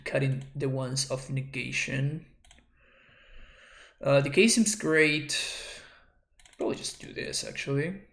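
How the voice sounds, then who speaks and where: An Argentine streamer, a native Spanish speaker talking in Spanish-accented English, casually comments on his own play, thinking aloud with wry, self-deprecating remarks and frequent restarts. His medium-pitched voice is creaky and a bit bright, slow-paced with long pauses, and the recording is reverberant.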